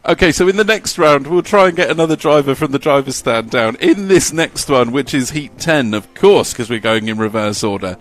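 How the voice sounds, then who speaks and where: A man's voice: mid-range voice, lively intonation, normal speed, few pauses. A man doing live race commentary, chatty and jokey as he reads out lap times.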